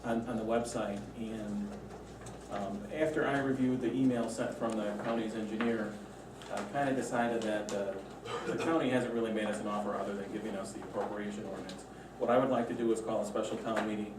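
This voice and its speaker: A man's voice: lowish voice, fairly even intonation, fairly quick. Echoey, distant man explaining procedure. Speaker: legal adviser at a township board meeting. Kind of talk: formal meeting discussion. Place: indoor meeting room. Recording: echoey meeting room, distant mic, background noise.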